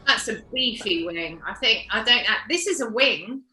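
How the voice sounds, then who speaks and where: A woman's voice: a little high, animated, normal speed, sharp tone, soft background music. A woman chatting casually as an interview guest. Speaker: guest, company managing director. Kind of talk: casual chat. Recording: echoey room.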